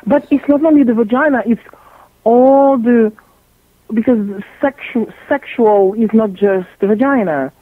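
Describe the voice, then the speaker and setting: A woman with a fairly high voice, a gynecologist from Haiti with a French accent, speaks unhurriedly as a guest on a radio interview. There's no echo, though the line sounds tinny like a phone; her talk is animated, blunt, jokey and full of emphatic repetition.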